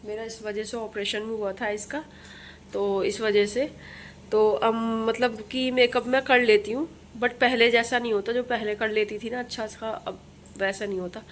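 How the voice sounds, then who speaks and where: A woman's voice: on the high side, fairly even intonation, normal speed, slight background noise. A young woman casually chatting as she vlogs her day at home, rambling along while she cooks and cleans, recorded on a phone camera. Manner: chatty, rambling, talks while doing chores. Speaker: vlogger. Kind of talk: casual home vlog chat. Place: home kitchen and rooms.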